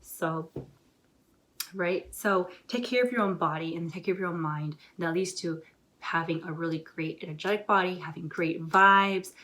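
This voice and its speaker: A young woman vlogger talking casually and excitedly to camera, rambling with lots of filler words as she gives motivational advice. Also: lowish voice, moderate pace, a little hiss or hum.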